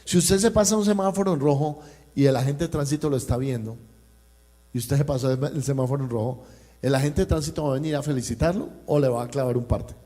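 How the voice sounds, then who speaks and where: A man with a Colombian accent preaches to his congregation at a church service. He tells a personal story and acts out each person's lines as he goes. His voice has a warm, mellow tone. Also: mid-range voice, fast talker. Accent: Colombian Spanish. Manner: storytelling, acting out dialogue and addressing the congregation. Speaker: pastor. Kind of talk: sermon with personal anecdote.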